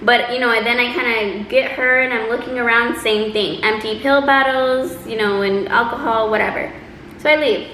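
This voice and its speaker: A woman telling a personal story in a casual, chatty, animated way, acting out quotes as she goes. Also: on the high side, moderate pace. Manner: animated, exaggerating delivery with acted-out quotes. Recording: roomy echo, faint background noise.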